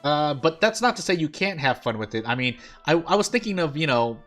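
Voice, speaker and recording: A man's voice: fairly high pitch, very animated, fairly quick, a bit bright. A man rambling and thinking aloud in casual game commentary, with an overbite that makes his teeth catch his lip on some sounds. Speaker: gaming streamer. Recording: game music behind the voice. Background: game music.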